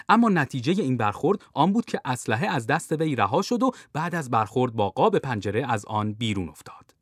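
A man narrating a thriller audiobook in a lively, expressive way. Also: mid-range voice, no room sound, clean studio sound.

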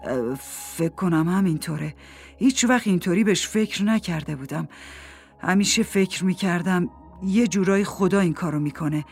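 A woman's voice: fairly low pitch, darkish tone, natural voice. Woman reader doing a stammering, sobbing father begging; audiobook, faint music behind. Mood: hesitant. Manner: stammering, desperate pleading. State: crying. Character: anguished middle-aged father pleading for his children. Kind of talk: audiobook character voice.

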